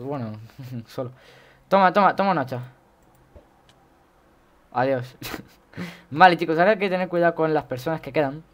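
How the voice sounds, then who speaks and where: A teenage boy with a Spain Spanish accent, rambling chattily through gameplay commentary and breaking into sudden high yelps. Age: teens. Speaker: gaming YouTuber.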